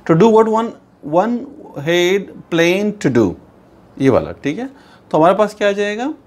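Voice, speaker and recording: A man teaching an English lesson, reading English slowly and explaining in Urdu-Hindi to his pupils. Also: on the high side, a little mellow. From Pakistan. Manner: addresses pupils as "beta", repeats "theek hai". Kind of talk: bilingual classroom lesson.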